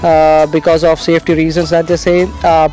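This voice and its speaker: A man vlogging casually to a handheld camera, upbeat and halting, with frequent filler sounds. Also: on the high side, completely flat delivery, a little mellow, soft background music. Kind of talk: casual vlog talk to camera. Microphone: handheld camera mic.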